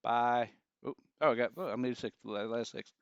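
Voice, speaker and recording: A man's voice: mid-range voice, moderate pace, smooth, dry recording. A man co-hosting a podcast, casually narrating an imagined match. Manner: storytelling, acts out wrestler quotes. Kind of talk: casual chat. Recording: slightly dull lo-fi sound.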